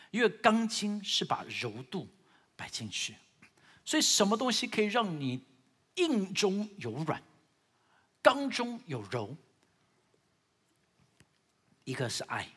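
A man preaching a sermon as a pastor in with a tinge, husky and emphatic, with halting, repetitive phrasing. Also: mid-range voice. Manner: emphatic, swinging from loud exhortation to quieter asides; halting, repetitive phrasing with occasional English words. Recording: long hall reverb.

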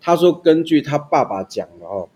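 Joking man, somewhat high. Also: sing-song, normal speed, a little mellow. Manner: joking, easily laughing. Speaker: podcast host. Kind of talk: casual chat.

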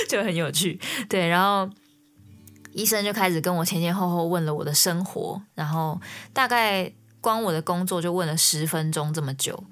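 Woman, lowish voice; relaxed first-person storytelling, filler-heavy. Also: normal speed. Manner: chatty, ends phrases with soft fillers. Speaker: singer-songwriter. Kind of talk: casual storytelling.

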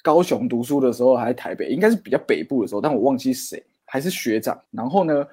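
A man's voice: mid-range voice, animated, quick pace, darkish tone, slightly rough. A man around thirty with a Taiwanese Mandarin accent, joking wryly in casual chat. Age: 30s. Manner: joking, wry banter.

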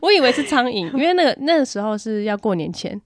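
A woman co-hosting a podcast, telling a story in casual chat, acting out her own panic in high squeals. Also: big pitch swings, quick pace, dry recording, studio quality. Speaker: podcast co-host.

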